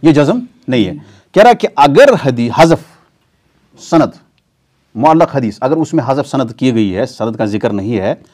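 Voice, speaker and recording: A man's voice: medium pitch, animated, normal speed, a little mellow. A man teaching a weekly class in a mosque, asking his students rhetorical questions and answering them himself. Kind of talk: classroom lecture on hadith terminology.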